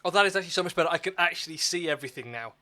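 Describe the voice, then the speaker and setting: Hosting a casual gaming livestream, this man talks with a fairly high, expressive, sharp-toned voice at a racing pace, exclaiming as he chats with viewers. Game sounds and background noise come through a clearly noisy microphone.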